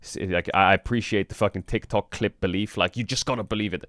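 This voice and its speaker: Guy on stream just woke up, kinda flat and monotone, low smooth voice, swears a lot. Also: fast talker, no echo, clean studio sound. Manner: frank and rambling, swears often; flat, low-energy delivery. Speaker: streamer and esports team owner. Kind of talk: casual stream chat.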